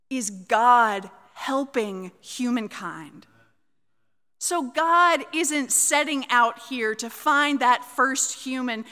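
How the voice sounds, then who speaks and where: Woman pastor, measured sermon delivery, fairly high and bright, in a long-reverb sanctuary. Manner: slow, measured and explanatory.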